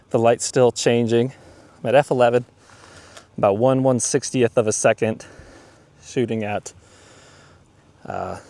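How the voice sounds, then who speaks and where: A man's voice: medium pitch, a little mellow, dry recording. A man, a landscape photographer, casually and enthusiastically narrating an outdoor vlog in a mountain forest while shooting, recorded on a camera mic. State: out of breath.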